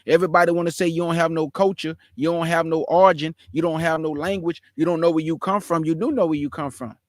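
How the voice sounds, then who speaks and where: A man's voice: fairly high pitch, steady tone, quick pace. A man delivers heated commentary in a slightly raised voice, hammering each point over and over. He speaks straight to his listeners and calls them family. The sound is close and dry, with no room echo. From Houston, Texas, USA. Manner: emphatic, repetitive, addresses listeners as family. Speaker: commentator reacting to a sermon clip. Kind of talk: impassioned reaction commentary.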